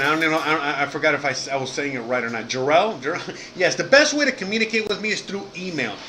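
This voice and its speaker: A slightly high, pushed, bright voice belongs to a Cuban-American man from Miami, USA, who has a Miami Cuban accent. Hosting a casual livestream while suffering food poisoning, he rambles, swears, and keeps saying "you know what I mean."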